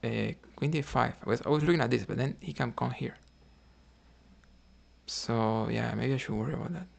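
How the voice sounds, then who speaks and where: During a live chess stream, the Cuban player talks through his moves as he plays, frequently adding "right?" and chatting with his viewers between turns. He speaks at a normal speed in a medium-pitched voice with vocal fry.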